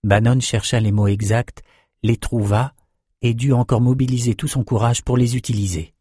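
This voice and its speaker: A man narrating a fantasy audiobook in a measured storytelling manner. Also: mid-range voice, fairly even intonation, dark tone, breathy edge, dry recording, clean studio sound.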